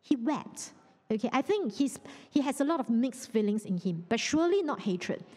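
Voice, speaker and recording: A woman with a Singaporean English accent giving a lively, conversational sermon, teasing and quizzing her audience. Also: fairly high pitch, moderate pace, slightly rough, long reverb tail. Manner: animated, teasing, asks the audience questions. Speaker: preacher.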